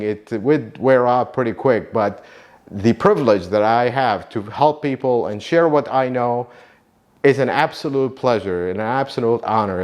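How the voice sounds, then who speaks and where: Heartfelt gratitude to his viewers comes from a YouTube channel host from Iraq who fixes cars for a living. A native Arabic speaker, he sounds earnest and warm, his pitch moving in lively swings.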